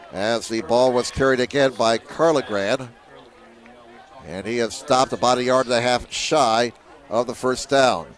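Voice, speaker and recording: A man calling play-by-play for a high school football game, steady and measured that rises sharply on big plays. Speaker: play-by-play commentator.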